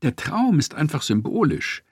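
Man voicing a hurt wife, pleading, raised and lively pitch, audiobook. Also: normal speed, breathy edge, no room sound, studio quality. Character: upset wife, an adult woman explaining herself.

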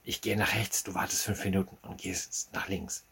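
A man voicing a nervous, secretive male party host in a whispered role-play, hushing every word conspiratorially. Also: sits low, fairly even intonation, moderate pace, slight background noise.

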